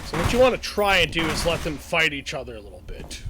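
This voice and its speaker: A man's voice: on the high side, big pitch swings, fast talker, background noise. A man giving casual, chatty let's-play commentary as he plays through a shooter game, often chuckling at it. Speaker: gaming channel host.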